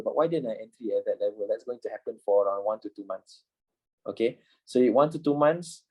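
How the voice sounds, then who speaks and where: A man's voice: mid-range voice, a little mellow, low-quality recording. A man in his twenties, a trading instructor talking informally in an online class, repeating himself and swearing casually. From Malaysia. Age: 20s.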